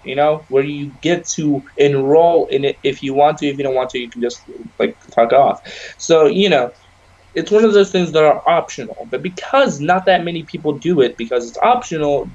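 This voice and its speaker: A young man whose first language is Arabic co-hosts a podcast, chatting casually and rambling with constant "you know"s. His voice is a little higher than most men's, with a darkish tone, and the recording sounds dull and muffled.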